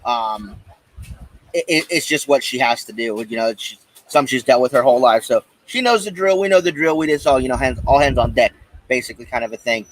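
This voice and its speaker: A man's voice: mid-range voice, brisk, poor audio. An American man hosting a podcast live from a backyard, chatting informally with viewers in a hesitant, rambling way. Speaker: podcast host. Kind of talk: casual live-stream chat to viewers. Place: outdoors in a backyard.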